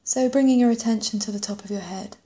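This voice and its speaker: A woman leading a guided body scan meditation in a gentle, unhurried way, leaving long pauses and letting phrase ends trail off softly. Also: on the high side.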